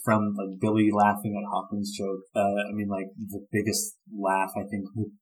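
Male podcast host, husky, lowish voice, eager and chatty. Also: completely flat delivery, normal speed, faint music behind, poor audio. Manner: enthusiastic, chatty, laughs often. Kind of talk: casual podcast chat about a movie.

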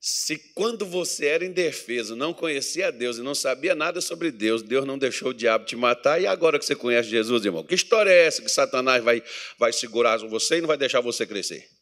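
A man's voice: medium pitch, fast talker. A man with a Brazilian Portuguese accent from Mato Grosso, preaching a sermon in a church meeting hall and asking the congregation questions. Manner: animated preaching with call-and-response questions to the congregation.

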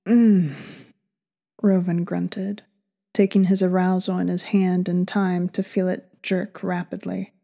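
A woman author reading her erotic story aloud slowly and sultrily, sometimes dropping into a breathy whisper. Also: lowish voice, completely flat delivery, mellow. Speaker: author and co-host.

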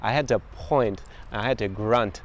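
A young Irish man with a faded, mixed accent shaped by international influences chats casually to camera as a podcast host, outdoors on a city street. His voice is lowish and unhurried, full of fillers, restarts and self-corrections. The recording is muffled with a little hiss or hum.

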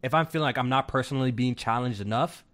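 A man's voice: mid-range voice, fast talker, a bit bright. A man hosting a gaming podcast, congested from a cold, chatting loosely and repeating himself as he jokes around. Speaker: podcast host. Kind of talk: casual gaming podcast chat.

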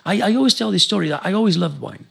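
Gravelly-voiced Argentine man urging people on. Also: sits high, expressive, quick pace. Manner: passionate, exhortative, many repeated words. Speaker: guest. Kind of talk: casual interview chat.

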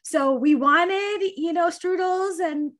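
A woman's voice: very high-pitched, slow, fairly bright tone. A woman physician from the Chicago area telling her story as a podcast guest, bubbly and effusive, with plenty of likes. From Chicago area, United States. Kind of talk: podcast interview.

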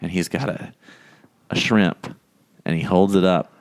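Man, podcast host, casual chat, animated storytelling, low voice. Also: a little slow.

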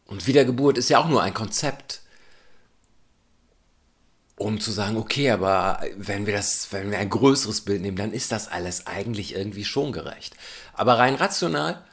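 A man's voice: lowish voice, animated, moderate pace, pauses often. A man giving a reflective spoken essay in a thoughtful, questioning, argumentative way.

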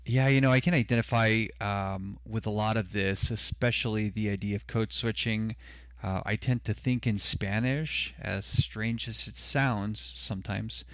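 A man's voice: on the low side, steady tone, a little slow, a bit bright, no room sound, clean studio sound. A man from Mexico, a podcast guest talking in a friendly, conversational way. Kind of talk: casual conversation.

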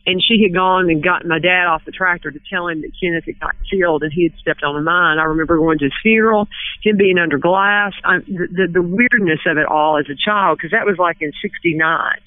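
A woman in her fifties from West Kentucky, a guest calling in who recalls a personal memory earnestly, with halting restarts. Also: lowish voice, no echo. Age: 50s. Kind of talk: emotional personal recollection on the phone. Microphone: telephone. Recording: tinny phone line.

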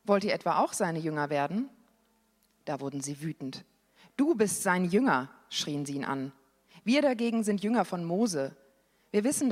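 A woman reading a Bible passage aloud in a church service, with an expressive reading that lifts on the quoted questions. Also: lowish voice. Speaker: scripture reader. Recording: long hall reverb.

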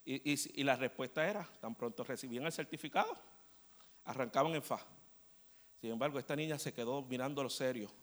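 A man's voice: medium pitch, brisk. A man preaching a storytelling sermon in a church, often checking in with the congregation. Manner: animated storyteller, asks the congregation "¿verdad?". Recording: long church hall reverb.

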